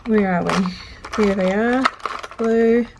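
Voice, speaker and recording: With vocal fry and a mid-range voice, a journaling vlogger takes her time giving chatty live commentary while writing in her journal. She's congested and sniffly, wanders off on tangents, interrupts herself to correct things, and talks to herself as she goes. Faint clicks and background noise are present.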